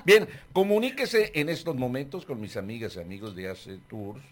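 A man hosting a radio show in a studio, chatting casually and reading ads in a loud, drawn-out way. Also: medium pitch, expressive. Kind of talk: casual radio talk with live ad reads.

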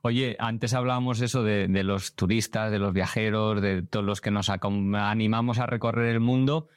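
A man interviewing a guest in a relaxed, colloquial way. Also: medium pitch, clean tone, no echo, studio quality. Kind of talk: casual conversational interview.

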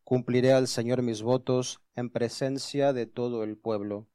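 A man reading scripture and responses at Mass as a lector, solemn and measured. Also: medium pitch, steady tone, dark tone, clear, resonant tone.

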